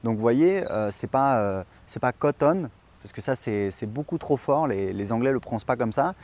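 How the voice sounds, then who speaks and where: A young man whose first language is French gives a casual online pronunciation lesson, chatting with many fillers and saying example words slowly to demonstrate. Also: medium pitch, expressive, a little mellow. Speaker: English teacher.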